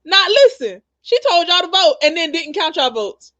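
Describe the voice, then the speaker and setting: A woman hosting a casual chat over a video call, arguing in an animated, defensive way. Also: very high-pitched, normal speed, highs cut off. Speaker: host.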